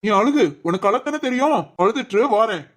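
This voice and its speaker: In an amateur family drama, a woman with a slightly high, expressive voice portrays a hot-headed young man defending his fiancée. She makes him angry and commanding, ready to threaten at once.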